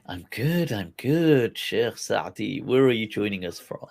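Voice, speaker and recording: A man's voice: fairly low pitch, sing-song, unhurried, gravelly, darkish tone. A man hosting a live online interview, effusive and exclamatory, stretching out his words. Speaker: host. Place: lives in England.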